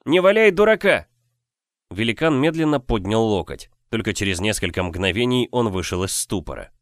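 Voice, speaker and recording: Brief: male audiobook reader, lowish voice, dry close sound. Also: dry recording. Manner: measured, expressive reading. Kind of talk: first-person novel narration.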